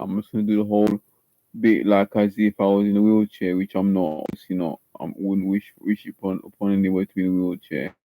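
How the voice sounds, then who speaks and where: A man with a fairly low voice and a slight Jamaican accent chats casually on a live stream from home, seated, while preparing for an acting audition. He reads instructions aloud, often repeating and restarting his words. The audio is narrow and tinny, with no room sound.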